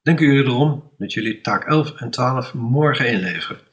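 A man's voice: medium pitch, lively intonation, normal speed, a bit bright, recorded from a distance, pitched above the performer's own voice, close to an everyday voice. A man voicing a strict, impatient schoolteacher addressing his class. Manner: stern, scolding.

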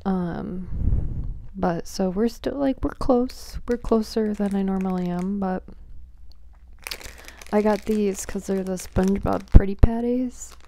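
A woman chatting softly for ASMR on a small close microphone, rambling, whispery and giggly. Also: mid-range voice, slow, slight background noise. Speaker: ASMR creator. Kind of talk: soft-spoken ASMR chatting.

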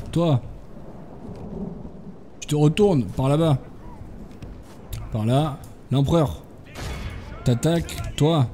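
French gamer with a dark voice. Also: male voice, medium pitch, slight background noise. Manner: bosses units around, bursts into excited exclamations. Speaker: gaming YouTuber. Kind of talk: casual let's-play commentary.

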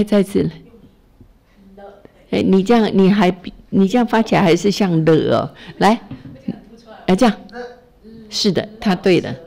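A woman's voice: mid-range voice, creaky, warm tone. A middle-aged woman from Taiwan teaching a class, chatty and encouraging, full of fillers as she models pronunciation for her students. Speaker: English teacher leading a Buddhist study class. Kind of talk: casual classroom coaching.

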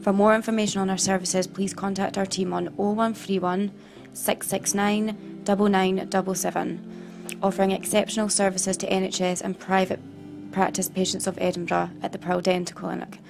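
Brief: woman, ad voice-over, gravelly and monotone, faint music underneath. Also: mid-range voice, moderate pace. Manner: reads a list-heavy script with small stumbles. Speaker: voice-over for a dental clinic ad. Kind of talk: read-out advert.

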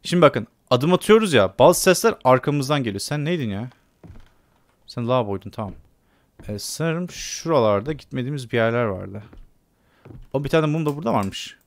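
A man's voice: medium pitch, lively intonation, normal speed, no echo. A man giving casual let's play commentary on a horror game, talking to himself and the game and repeating words. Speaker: gamer playing a horror game.

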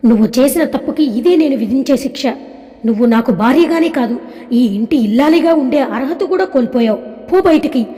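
A woman's voice: high voice, expressive, fairly quick, mellow, long reverb tail. A woman voicing an older father-in-law who scolds his family sternly. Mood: furious.

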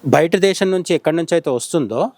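Here a fast-talking man from India, a journalist serving as commentator, offers casual news analysis, often restating things as he explains. His fairly high voice is expressive and a little mellow, captured in a dry recording.

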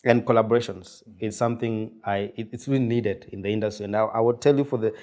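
A man's voice: on the low side, steady tone, quick pace, darkish tone, a little hiss or hum. A man in his forties with a Kenyan accent, hosting an interview in a small studio, encouraging his guest with many short hums. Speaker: podcast host. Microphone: studio mic on boom arm.

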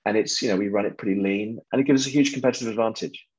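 A man, a company chief executive, answering business interview questions with energetic confidence, full of restarts and "you know". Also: lowish voice, very fast, breathy edge, no echo, dull audio. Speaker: company CEO, interview guest.

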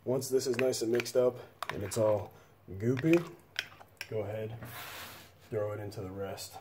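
A man's voice: on the low side, measured pace, noisy background. A man in his thirties hosting a casual home cooking video, talking loosely and swearing now and then while he works at a desk in a small room. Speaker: cooking vlog host.

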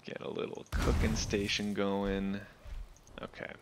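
A man's voice: on the low side, flat delivery, unhurried, noisy background. A man casually chatting while playing a co-op survival game, with a dry, understated humor. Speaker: co-op gaming partner. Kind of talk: casual co-op gameplay chat.

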